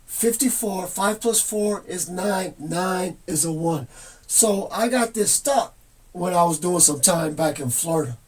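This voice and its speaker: A man delivers a meandering, earnest monologue laying out his own theory of numbers, casually reading dictionary definitions aloud. His voice sits high and sounds animated, his pace is measured, and the audio is slightly rough.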